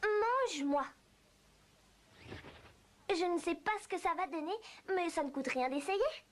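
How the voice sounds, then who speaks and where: Very high, girlish Alice. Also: animated, a little slow, slight background noise. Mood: musing. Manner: exclaiming, thinking aloud to herself. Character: curious, dreamy, excitable little girl, Alice. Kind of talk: French-dubbed children's cartoon acting. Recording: music under the voice.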